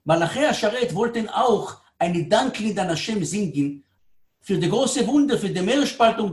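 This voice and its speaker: Animated high-voiced male storyteller. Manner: animated, swings between hushed and near-shouting. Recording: roomy echo.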